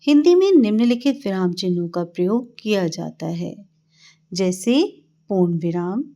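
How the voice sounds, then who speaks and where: Slow, patient woman teaching grammar. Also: mid-range voice, lively intonation, dark tone. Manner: slow, explanatory classroom delivery. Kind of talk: grammar lesson.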